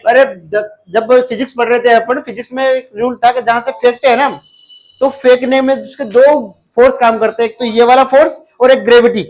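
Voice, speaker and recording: A man's voice: very high-pitched, fairly even intonation, fairly quick, low-quality recording. A man teaching a live class, lecturing and asking the students questions again and again. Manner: asks the class questions and repeats key terms. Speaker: nursing exam teacher.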